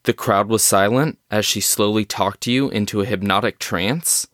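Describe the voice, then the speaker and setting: A man's voice: on the low side, normal speed, fairly bright tone, no echo, studio quality, lightly acted. A man playing an agitated, skeptical scientist in an audio drama, speaking in formal, theatrical and emphatic phrases. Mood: grave, dramatic recounting. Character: agitated male scientist, skeptical, rattled and wordy.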